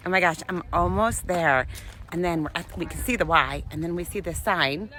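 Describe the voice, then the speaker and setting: A woman's voice: lowish voice, moderate pace, bright, forceful tone, rough recording. A woman speaking in an enthusiastic, motivational vlog style into a handheld phone on an outdoor mountain trail, laughing often. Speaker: vlogger. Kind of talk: motivational vlog while hiking. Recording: outdoor noise with passing traffic.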